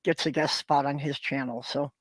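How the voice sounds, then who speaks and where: A co-host in a casual livestream chat, relaxed and joking. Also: medium pitch, normal speed.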